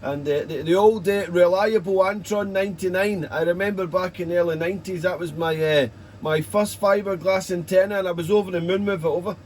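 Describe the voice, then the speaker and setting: A man's voice: sits high, a little fast, a little mellow. Chatty British man with faint background noise. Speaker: amateur radio operator. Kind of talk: casual radio contact chat with operator jargon.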